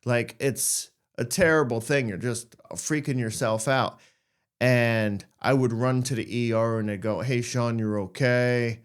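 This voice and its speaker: In an unhurried, steady-toned, mid-range voice, a man hosting a podcast gives a casual self-help monologue on anxiety. He's frank and jokey, acting out the worried thoughts running through his head.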